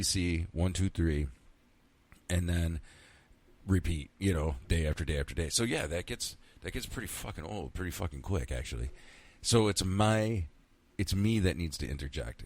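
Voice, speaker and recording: A man's voice: deep voice, no room sound. A man in his fifties from central New York, hosting a casual solo podcast, rambling and candid, swearing freely and talking to himself. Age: 50s. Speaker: podcast host.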